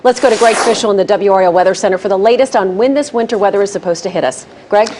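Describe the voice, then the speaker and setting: A woman's voice: medium pitch, fast talker, noisy background. An American woman co-anchoring a TV newscast, reading scripted news.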